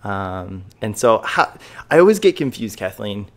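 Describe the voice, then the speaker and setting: A man's voice: fairly low pitch, sing-song, unhurried. A man hosting a casual podcast interview, upbeat and enthusiastic, with frequent fillers. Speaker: podcast host.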